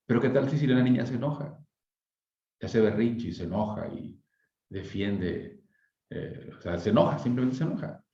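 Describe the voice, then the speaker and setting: A man talking through emotions in relaxed conversation, often pausing to ask rhetorical and tag questions. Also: medium pitch. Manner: reflective, asks rhetorical questions, frequent tag questions. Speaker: speaker on emotional wellbeing. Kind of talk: conversational explanation. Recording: echoey lo-fi room sound.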